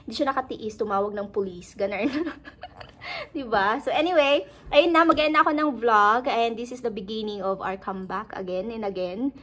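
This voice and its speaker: A woman's voice: fairly high pitch, a little fast, fairly bright tone. Chatty woman vlogger from the Philippines. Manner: chatty, laughs often, mixes English into Tagalog. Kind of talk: casual vlog chat.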